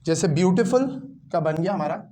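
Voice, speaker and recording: Slow, deliberate male grammar teacher. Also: on the high side, animated, mellow, slight background noise. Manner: slow, deliberate, repeats and spells out example words. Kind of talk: classroom lesson explaining grammar rules.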